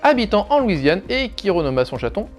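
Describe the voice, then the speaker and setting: A man narrates an explainer video in a scripted style and keeps breaking off for sarcastic little jokes. His pitch swings widely and freely, and soft music plays quietly behind him. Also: very animated, a little fast. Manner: sarcastic, jokey asides. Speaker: YouTube host. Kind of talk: scripted informative commentary.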